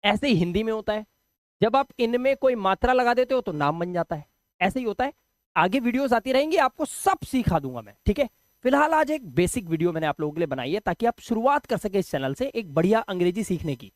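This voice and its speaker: A man's voice: sits high, sing-song, a little fast, dry recording. Man teaching English, dry close sound. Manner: repeats key words as questions to the viewer. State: slightly sore throat. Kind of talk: classroom explanation.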